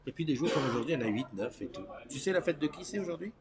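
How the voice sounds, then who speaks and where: A man's voice: fairly high pitch, expressive, rapid-fire. A man hosting a live morning chat show from a cafeteria, joking and greeting viewers by name. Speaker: host. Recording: busy room with crowd chatter. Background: crowd chatter.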